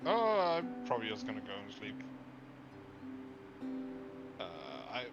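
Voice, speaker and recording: Sleepy and up early in the morning, a man chats casually on a livestream call, joking, rambling and tripping over his words. His mid-range voice is very animated at a measured pace. The call audio is muffled and lo-fi, with guitar music in the background.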